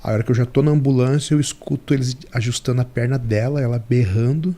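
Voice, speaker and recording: Mellow-voiced man telling a story. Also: medium pitch, fast. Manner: lively storyteller who acts out dialogue. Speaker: podcast guest. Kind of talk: storytelling in a podcast interview.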